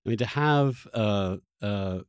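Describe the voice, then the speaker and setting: A man with a fairly low, smooth voice speaks slowly while hosting a reflective long-form podcast interview with a guest. He feels his way through his thoughts, often restarting phrases mid-sentence. The studio-quality recording has no room sound.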